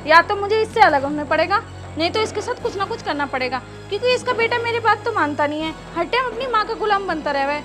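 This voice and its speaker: A woman playing a resentful young daughter-in-law who complains sharply. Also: extremely high pitch. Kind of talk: rural film drama acting.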